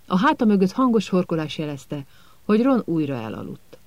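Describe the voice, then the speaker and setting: A man narrating an audiobook in a calm, measured storytelling manner. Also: high voice, dry recording.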